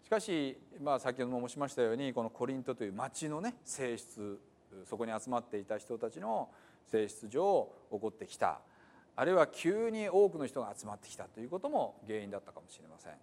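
Lively Japanese pastor preaching. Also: male voice, medium pitch, brisk. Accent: Hiroshima dialect in the reading. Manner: lively, many fillers, shifts between calm explanation and emphatic points. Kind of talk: sermon with scripture reading in dialect.

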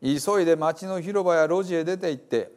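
A man's voice: fairly high pitch, moderate pace, a little mellow, pitched above the performer's own voice, lightly acted. A man playing an angry banquet master, Hiroshima dialect. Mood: commanding. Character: angry wealthy male banquet host.

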